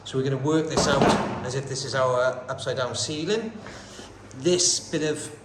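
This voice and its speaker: A man's voice: mid-range voice, moderate pace. A man, a carpenter by trade, casually explaining his renovation work step by step as he goes. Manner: practical, explaining steps as he works. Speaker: builder and carpenter. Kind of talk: casual DIY vlog narration. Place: bungalow room under renovation, indoors. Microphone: phone held while working. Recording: echoey bare room, faint noise.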